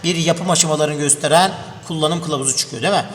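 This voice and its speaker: A man's voice: fairly high pitch, quick pace, fairly bright tone. A male teacher giving an exam review lesson, talking to children and asking and answering his own questions. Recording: echoey room with long reverb, faint noise.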